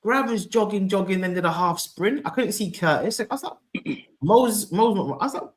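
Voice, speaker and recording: A panelist on a casual football stream with a mid-range voice that swings widely in pitch. The talk is lively, with reactions acted out in little quoted asides. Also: normal speed.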